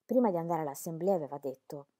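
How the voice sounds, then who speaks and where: A young woman reads a memoir aloud in a slightly low voice. Her telling is expressive and dramatic. She lifts into near-shouts when the quoted cries come. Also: fast. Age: young adult. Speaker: reader of an autobiography. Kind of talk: expressive audiobook reading.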